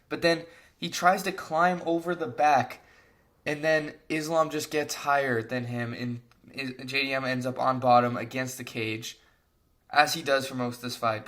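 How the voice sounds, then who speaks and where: A young man giving a casual fight breakdown, talking animatedly and exasperatedly, filling his sentences with slang. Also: mid-range voice. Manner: animated, frequent "bro", exasperated rants. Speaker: MMA commentator.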